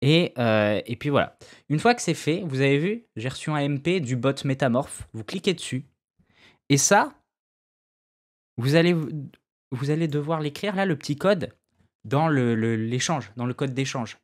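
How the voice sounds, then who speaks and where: A man's voice: mid-range voice, expressive, moderate pace. Casual, slangy man walking through a tutorial. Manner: loose, slangy, with many fillers and restarts; self-mocking asides. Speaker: gaming YouTuber giving a tutorial. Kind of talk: casual screen-recorded tutorial.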